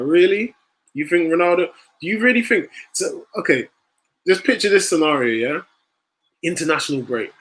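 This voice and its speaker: His voice is mid-range and a bit bright. Hosting a casual football watch-along stream, he pokes fun at viewers, laughs a lot, and responds to the action as it unfolds.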